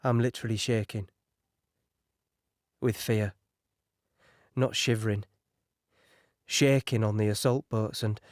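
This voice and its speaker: A shaken young soldier, played by a man, tells his story in halting bursts, in a mid-pitched voice. The sound is dry and close, as in a studio audio drama. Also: a little mellow, no room sound, natural voice. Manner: halting, shaken, recalling horror in present tense. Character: young British soldier, wireless signaller, landing on a beach under fire. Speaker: actor playing a soldier.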